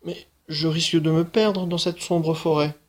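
A man's voice: a little high, fairly even intonation, a little slow, pitched above the performer's own voice. A man voicing a clever, brave little girl in a children's story read aloud. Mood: worried.

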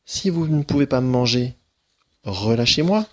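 A man's voice: mid-range voice, lively intonation, moderate pace, a little mellow, voice pushed up, natural voice. A man voicing a clever, brave little girl in a children's story read aloud. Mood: eager.

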